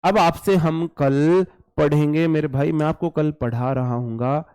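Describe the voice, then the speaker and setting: A man's voice: on the high side, fairly even intonation, measured pace, a little mellow, clean tone, no echo, studio quality. A man teaching an English class online, casual and repetitive, drilling words aloud and calling students his brothers. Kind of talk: online exam-prep class.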